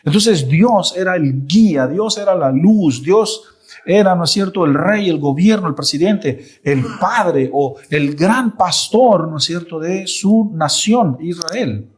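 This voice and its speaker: A man's voice: high voice, expressive, slow pace, husky. Emphatic man teaching the Bible. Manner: emphatic, repetitive, checks in with listeners. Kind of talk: sermon-style Bible lesson.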